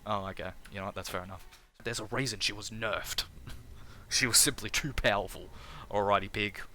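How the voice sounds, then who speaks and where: A man with an Australian accent casting a live game tournament in a chatty, energetic way, often restarting his phrases. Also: lowish voice, a little fast, slight background noise. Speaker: tournament caster and streamer.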